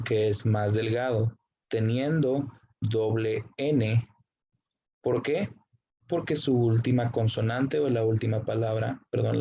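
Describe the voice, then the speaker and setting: A man teaching an English grammar lesson, slowly explaining the rules, spelling out letters and translating every example. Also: medium pitch, dark tone, lo-fi sound.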